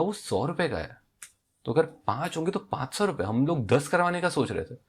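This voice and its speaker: Young male vlogger, casual storytelling, animated, acts out both sides of dialogue. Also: medium pitch.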